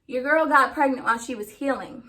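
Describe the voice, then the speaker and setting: A woman's voice: high voice, fairly quick, pushed and bright. A woman chatting casually to her viewers in an emphatic, sassy, slangy way, a little short of breath. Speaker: vlogger.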